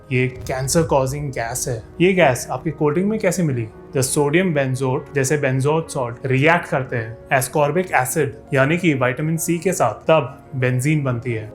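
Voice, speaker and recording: A man with a fairly high voice narrates a scripted explainer for his viewers. He throws in rhetorical questions and dry, sarcastic asides. Soft music plays quietly underneath. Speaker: fitness YouTuber.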